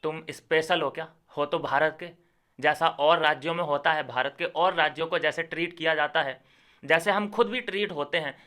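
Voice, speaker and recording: Young guy ranting into the camera, kinda high clear voice, preachy and sarcastic. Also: bright, forceful tone. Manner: indignant, lecturing, sarcastic. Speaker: YouTuber. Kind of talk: ranting commentary video.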